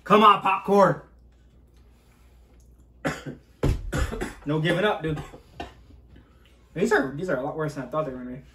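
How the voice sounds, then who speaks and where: A man's voice: a little high, expressive, a little slow, pauses often. A man chatting casually and egging on his friend in competitive banter while eating gross jelly beans. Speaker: host of a food challenge video. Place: small room at a table, indoors. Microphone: camera a few feet away. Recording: roomy echo, faint background noise.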